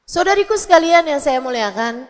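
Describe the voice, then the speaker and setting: Animated high-voiced woman preaching in a hall. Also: fairly quick. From Indonesia. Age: 40s. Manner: animated, acts out mothers and children in quoted voices. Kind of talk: religious lecture to women. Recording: long reverb of a hall.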